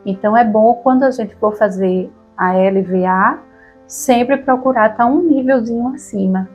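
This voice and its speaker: Husky Brazilian woman chatting, tag questions. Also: fairly high pitch, moderate pace, dull audio, soft background music. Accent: Brazilian Portuguese. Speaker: podcast co-host. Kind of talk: casual conversation about reading aloud.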